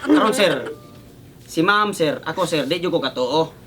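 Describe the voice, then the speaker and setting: A man playing a show host in a comedy skit, coaxing and calming both sides with laughs. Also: a little high, measured pace, very noisy. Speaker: mock radio host mediating a complaint. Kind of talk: comedy sketch acting. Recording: music playing behind.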